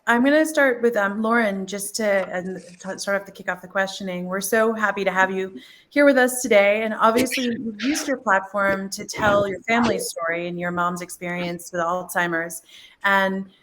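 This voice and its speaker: A woman moderating a panel discussion, upbeat and brisk as she introduces speakers. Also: mid-range voice, fairly even intonation, fairly bright tone.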